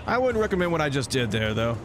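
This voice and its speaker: This gameplay host has a fairly high, sing-song voice and moves at a quick pace. Over video game music and action effects, he keeps up a relaxed let's play commentary, cracking jokes at the characters on screen.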